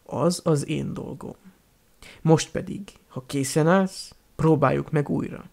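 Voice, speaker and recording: A man voicing a cold, sneering male potions teacher in an audiobook, speaking slowly in a hushed, menacing tone. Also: a little high, steady tone, creaky. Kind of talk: audiobook character reading.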